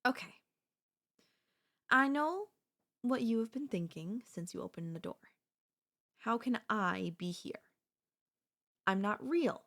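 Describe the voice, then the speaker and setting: Heavily acted and expressive, a woman's fairly high, fairly bright voice moves slowly with frequent pauses. She portrays a doting, obsessive yandere stalker in an ASMR roleplay girlfriend monologue, coaxing and theatrical, addressing the listener as darling in a concerned, explaining mood.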